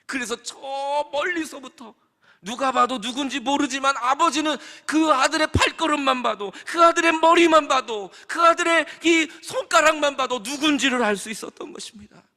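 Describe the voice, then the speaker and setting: A man's voice: extremely high pitch, moderate pace, bright, forceful tone, in a large hall. A man preaching a fervent sermon as pastor in a church sanctuary, acting out the father's words.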